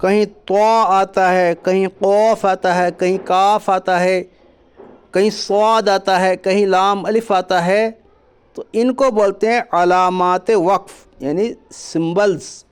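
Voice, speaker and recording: A man teaching Quran reading in an online lesson, explaining patiently and drawing out letter names slowly. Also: sits high, fairly even intonation, clear, resonant tone. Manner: mixes English words into his explanations.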